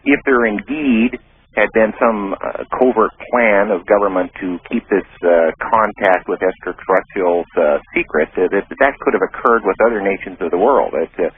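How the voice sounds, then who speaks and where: A man calling in to a radio show over the phone, asking a question in a measured, formal way. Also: on the low side, husky, dry recording. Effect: heard over the phone. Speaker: radio call-in caller. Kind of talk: call-in question to a guest. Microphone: telephone handset. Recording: tinny, narrow phone line on air.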